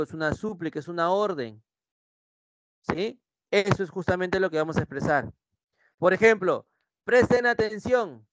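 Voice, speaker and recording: A young man with a Peruvian Spanish accent gives a pre-university language lesson. His voice sits a little high and sounds dry and close. He repeats each point and keeps checking that students follow. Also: no room sound. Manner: repetitive, checks in with students using "¿sí?". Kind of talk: online class lecture.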